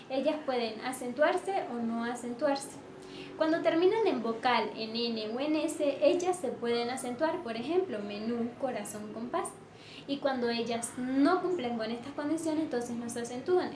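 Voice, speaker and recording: A woman teaching a lesson in a measured way, with fillers and self-corrections. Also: sits high. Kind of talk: explanatory lesson. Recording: echoey room with faint background noise.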